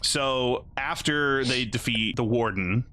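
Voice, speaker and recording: A drunk man casually explaining game lore to friends, halting, swearing and losing his thread. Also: mid-range voice, a loud crowd. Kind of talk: casual, rambling storytelling among friends.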